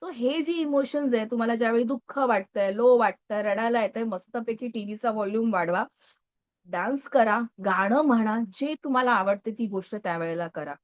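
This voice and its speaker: Woman in her thirties, live motivational speaker, chatty and engaging, pitched a bit high. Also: a little fast. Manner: lively, chatty, frequent check-ins with the audience. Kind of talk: live motivational talk to an audience.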